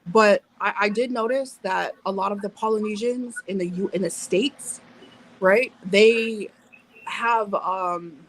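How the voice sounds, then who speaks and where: On a live panel where she's a guest, this woman in her thirties talks slowly in a mid-range voice with fairly even intonation. Her manner is blunt and full of cursing, and she restarts sentences and over-explains in the casual discussion. The recording is rough and carries a little background noise.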